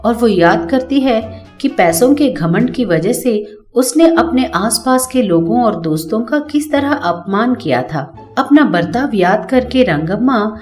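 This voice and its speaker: A woman narrating a moral bedtime story in an even storytelling manner. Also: fairly high pitch, a little slow, faint music behind.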